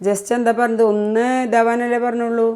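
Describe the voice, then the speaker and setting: A woman's voice: on the high side, little pitch movement, normal speed, a little mellow. A middle-aged woman speaking as a mother in a casual family vlog, lecturing earnestly and repeating her points. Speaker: mother vlogger.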